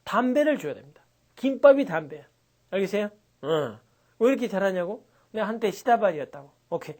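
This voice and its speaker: Woman, vocabulary teacher, chatty and lively, mid-pitched voice, asks the class questions and acts out quick scenes. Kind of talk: lecture.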